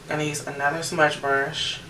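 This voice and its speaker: A beauty vlogger in her late thirties, American, walks viewers through a makeup routine in a casual, chatty tutorial, talking directly to them. Her low voice is gravelly at the edges, level in tone and a little fast. She's recorded from afar in an echoey room, with noticeable background noise.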